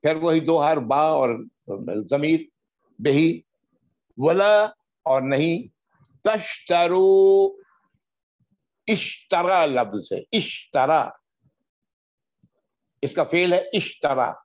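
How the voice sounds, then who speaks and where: A man gives a word-by-word Arabic grammar lesson in a somewhat high voice. He draws out each Arabic word slowly, then hurries through the explanation. The recording sounds dull and lo-fi. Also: animated, darkish tone. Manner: drawn-out recitation of Arabic words between quick explanations. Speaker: Quran Arabic teacher.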